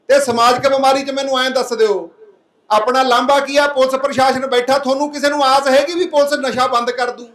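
A man's voice: very high voice, fairly bright tone, echoey room. A man giving an earnest public speech at a village gathering, putting rhetorical questions to the crowd and telling a folk parable. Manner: earnest, plain-spoken exhorting. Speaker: speaker at a public anti-drug meeting.

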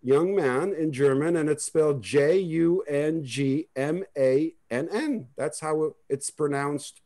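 A man's voice: a little high, takes it slowly, warm tone. Man telling family history. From Israel. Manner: rambling, conversational, many restarts. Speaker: presenter. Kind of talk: family history talk and Q&A on a video call.

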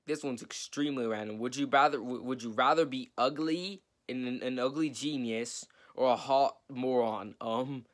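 A teenage boy talking to camera from his messy bedroom, answering viewer questions in a rambling, self-mocking way and laughing often. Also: medium pitch. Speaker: YouTube vlogger. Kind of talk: casual Q&A vlog to camera.

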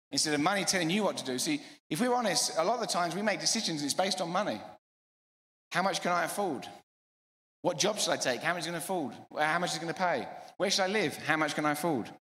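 A middle-aged man preaches with emphatic, rapid-fire energy, stacking repeated phrases. His voice sits a touch high. It rings through a roomy church hall with a long tail of reverb. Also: fairly bright tone. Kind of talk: sermon.

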